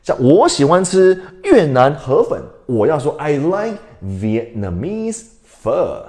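Young guy teaching english on a live stream, bounces between mandarin and english, pitch all over the place, voice sits a bit high. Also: takes it slowly. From Canada. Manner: lively, mixes Mandarin and English, quizzes viewers. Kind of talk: livestream English lesson.

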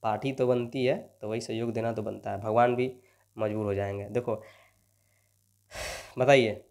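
A young coaching teacher solves exam questions in a lecture, coaxing and motivating his students while tagging sentences with a constant "right?" ("ठीक ना"). His voice is on the low side, gravelly and darkish, with a steady tone at normal speed.

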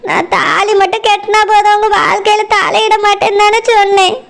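A voice actor playing a meek, tearful young second wife in a cartoon, pleading slowly through crying. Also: very high-pitched, flat delivery, creaky, slight background noise, voice pushed down, heavily acted. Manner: soft, pleading and slow.

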